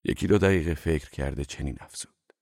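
A male narrator reading a first-person audiobook in a low, even voice. His delivery is measured and calm, recorded dry and close. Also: no room sound.

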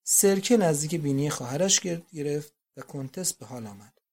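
Measured audiobook narrator. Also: medium pitch, lively intonation, darkish tone. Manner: measured storytelling. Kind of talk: audiobook reading.

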